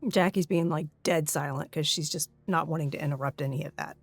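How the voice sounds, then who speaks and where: A woman's voice: sits low, fairly even intonation, fairly quick, gravelly, faint music behind. A woman speaking casually as she describes things in a tabletop role-playing game.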